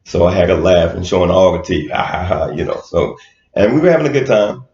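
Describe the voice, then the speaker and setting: Co-hosting a podcast, a man chats casually, laid-back and hesitant with plenty of fillers. His deep, slightly mellow voice moves fast with lively intonation, captured in a roomy, dull, lo-fi recording.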